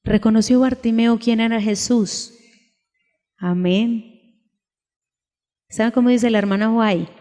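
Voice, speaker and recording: Woman preacher, slow and emphatic sermon delivery, fairly high voice, echoing church hall. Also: steady tone, warm tone. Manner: emphatic, asks the congregation repeated questions; slow, deliberate delivery with sudden raised cries. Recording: long echo of a large hall.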